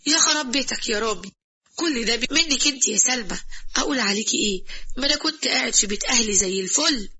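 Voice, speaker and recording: A woman's voice: a little high, animated, fast talker, pushed and bright, slight background noise. A woman voicing an irritable young husband with an Egyptian accent. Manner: snappy, complaining.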